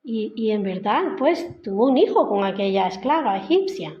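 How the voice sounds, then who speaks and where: A woman's voice: mid-range voice, expressive, normal speed. A woman giving an informal church sermon, retelling the story conversationally and often adding "¿no?". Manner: conversational, retells the story in her own words with frequent "¿no?" tags. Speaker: lay preacher. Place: church hall. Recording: echoey, muffled church hall recording.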